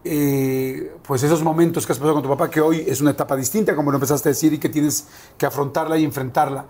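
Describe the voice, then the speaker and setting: A man's voice: on the high side, steady tone, fast, darkish tone. A man interviewing a guest, asking long, rambling questions full of fillers. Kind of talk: conversational interview.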